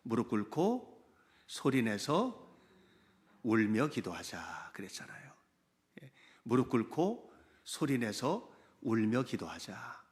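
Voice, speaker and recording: A man preaching a Sunday sermon as pastor, animated and conversational, often asking the congregation direct questions. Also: mid-range voice, slow, pauses often.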